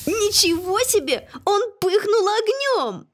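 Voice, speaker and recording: Squeaky, rowdy little ogre kids from a storybook who shriek their lines in a very high voice that leaps about wildly. The ogres' outbursts come out loud and shrill, like an excited gang of small children. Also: slow, exaggerated voice. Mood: gleeful. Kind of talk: storybook reading.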